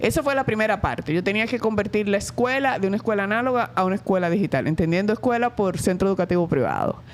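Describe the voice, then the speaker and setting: A middle-aged school director from the Dominican Republic answers interview questions reflectively, with many pauses and hesitations, in a Dominican Spanish accent. Her mid-range voice is expressive, with slight background noise.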